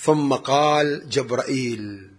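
A man's voice: mid-range voice, unhurried, slightly rough. A man preaching a mourning sermon, drawing his words out into a wailing chant.

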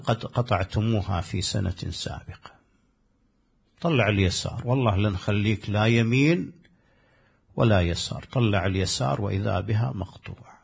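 Gravelly preacher man. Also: on the low side. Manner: impassioned, acts out quoted dialogue with rising force. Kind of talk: sermon storytelling.

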